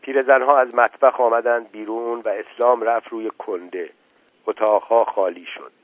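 A man narrating a story in a steady, measured reading. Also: medium pitch, no echo. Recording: tinny phone-like dry recording.

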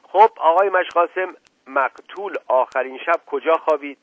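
A man voicing a bossy, suspicious police inspector who shouts his questions, on a dull lo-fi recording. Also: fairly high pitch, no room sound, pitched above the performer's own voice, natural voice. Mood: accusing. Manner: barking, suspicious, interrogating.

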